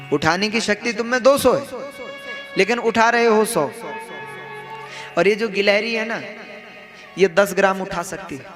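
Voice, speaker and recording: In a devotional katha sermon, a young male religious storyteller with a rather high voice narrates a story, throwing rhetorical questions at his audience and addressing them as "bhaiya." Instrumental devotional music can be heard clearly under his speech.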